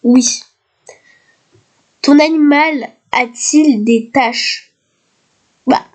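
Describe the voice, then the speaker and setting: A YouTuber with a high-sitting, slightly hoarse voice plays a guessing game in casual commentary. Speaking extremely slowly, she reads each question aloud and then answers it offhandedly.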